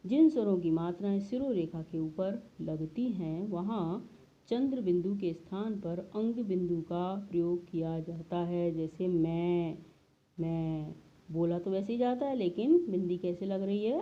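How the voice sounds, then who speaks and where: Woman teacher, very slow and deliberate, slightly dull lo-fi recording. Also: medium pitch. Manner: slow, deliberate explanation, drawing out example sounds. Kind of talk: Hindi grammar lesson.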